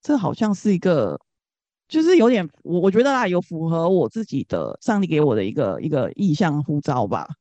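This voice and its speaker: Female interview guest, Singaporean accent. Reflective, casual delivery with animated pitch movement and a soft, dark tone. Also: a little fast, dry recording. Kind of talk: conversational interview, reflective sharing.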